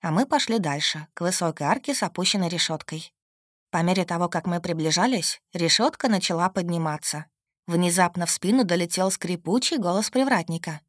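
A woman narrating a fantasy audiobook in the first person with steady, expressive storytelling. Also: fairly low pitch, brisk, no room sound, studio quality.

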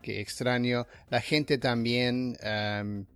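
A man's voice: medium pitch, steady tone, slow, fairly bright tone, clean tone, faint music behind. A man with an Argentine accent, a podcast guest chatting casually and hesitantly, with many filler sounds. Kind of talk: casual conversation. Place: New York.

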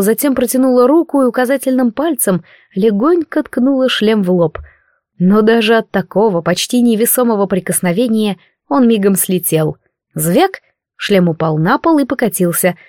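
A woman narrating a first-person audiobook in a wry, expressive way. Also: fairly high pitch, dry recording, clean studio sound.

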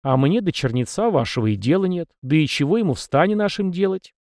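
A man's voice: on the high side, big pitch swings, fast talker, darkish tone, no room sound, clean studio sound, voice pushed up. A man reading an audiobook, voicing a brash, proud young male warrior who speaks curtly and with scorn. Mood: blunt. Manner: scornful, curt.

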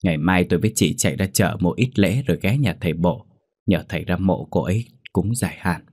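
A man voicing a middle-aged village woman who gives advice in a slow, measured way. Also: low voice, a little mellow, breathy edge, no echo, studio quality. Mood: calm.

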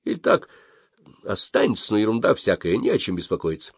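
A man voicing a calm, measured father in an audiobook. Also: fairly low pitch, vocal fry, breathy edge, dry recording, clean studio sound, heavily acted. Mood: calm reasoning. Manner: measured, reassuring. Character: calm, solid father, middle-aged man.

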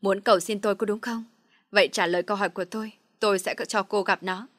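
A woman's voice: medium pitch, fairly even intonation, a little fast, a bit bright, no echo, clean studio sound, lightly acted. A woman voicing a cold, domineering young wealthy man who speaks in curt commands.

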